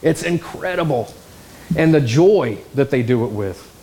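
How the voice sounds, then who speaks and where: A man preaching a sermon, telling a story in an animated, exclamatory way. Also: medium pitch, moderate pace. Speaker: pastor.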